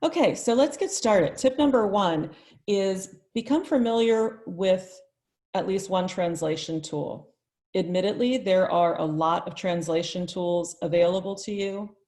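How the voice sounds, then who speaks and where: A woman, a teacher trainer, giving a live online tutorial in a friendly, chatty way and thinking out loud as she goes. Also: mid-range voice, measured pace.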